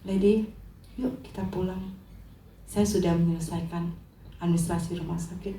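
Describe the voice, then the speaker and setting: A humble, forgiving husband speaks softly and tenderly, as a woman puts him on, a little lower than her own voice. The sound is roomy and far from the mic, with faint noise. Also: expressive, takes it slowly. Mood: gentle. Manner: soft, tender. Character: gentle forgiving young husband, humble and calm. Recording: echoey hall from far off.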